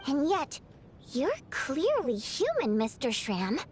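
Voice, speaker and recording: A woman playing a spirited, cheerful young female water imp singer in a video game, expressive, theatrical and easily flustered. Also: sits high, takes it slowly, slight background noise, heavily acted. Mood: earnest. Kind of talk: animated game voice acting.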